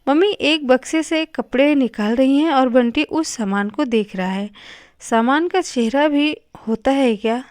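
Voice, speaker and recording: A woman reading a novel aloud with expressive, measured storytelling on a close microphone. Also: sits high, no room sound. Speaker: narrator. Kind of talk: audiobook reading of a Hindi novel.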